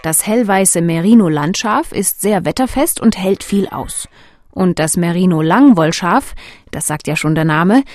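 A woman giving calm, clear, scripted narration for a short documentary. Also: medium pitch, dry recording.

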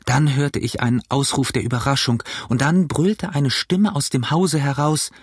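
Man, audiobook narrator, husky voice, measured steady reading, mid pitch. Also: dry recording, clean studio sound.

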